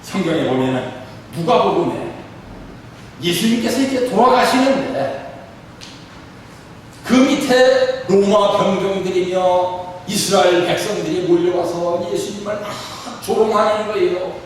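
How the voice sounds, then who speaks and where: A man's voice: sits high, a little slow. Echoey older man preaching a sermon. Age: 60s. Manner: animated preaching with rhetorical questions. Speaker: church leader. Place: church hall. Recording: echoey hall, distant mic, faint noise.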